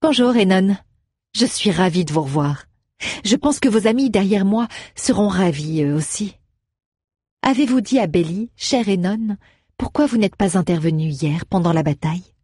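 A woman's voice: medium pitch, animated, normal speed, warm tone, slightly rough, no echo, studio quality. A woman voicing a poised, commanding young woman who speaks with cutting sarcasm in an audiobook. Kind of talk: audiobook character voice.

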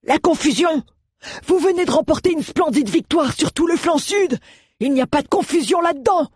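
A male narrator voicing an angry veteran cavalry general who shouts orders. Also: very high-pitched, lively intonation, moderate pace, no room sound, clean studio sound, pitched above the performer's own voice. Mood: shouting angrily.

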